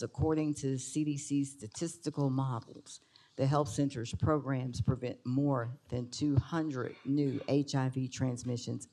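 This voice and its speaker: Creaky, mellow voice formally reciting a resolution. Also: mid-range voice. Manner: notary-like formal recitation, measured phrase by phrase. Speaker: county commissioner. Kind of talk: formal read-aloud of an official resolution.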